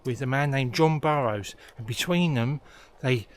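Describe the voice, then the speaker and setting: In a forest, a vlog host explains things as he goes, speaking a little slowly in a mid-range male voice. Background noise from the outdoor location comes through.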